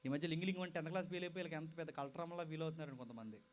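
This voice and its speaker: A man preaching a sermon with passion. He moves from loud appeals to quieter storytelling, speaks straight to his listeners and repeats phrases for weight. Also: on the high side, fairly even intonation, racing. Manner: impassioned, swings from loud exhortation to quiet storytelling; addresses listeners directly and repeats phrases for emphasis.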